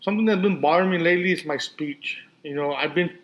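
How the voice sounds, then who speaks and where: A man's voice: a little high, quick pace, a bit bright, low-quality recording. A man with a somewhat raised voice and a lisp, hosting a casual solo podcast. His words slur a little as he rambles, circling back on himself with frequent restarts and fillers. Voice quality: lisp and slurred speech. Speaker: podcast host.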